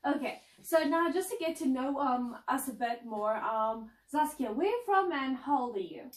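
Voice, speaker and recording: An upbeat woman in her 20s, acting as announcer and interviewer, speaks in a high, expressive voice at a moderate pace. She's bubbly and often says um or restarts during the casual interview on a couch in an indoor lounge set, picked up by a far camera mic with roomy echo.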